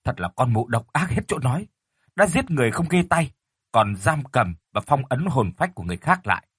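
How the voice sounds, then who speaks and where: A man's voice: mid-range voice, sing-song, breathy edge, no echo, studio quality. A man voicing a cocky young older brother who jokes and scolds in a narrated ghost story. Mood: brash. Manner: joking, quick and brash.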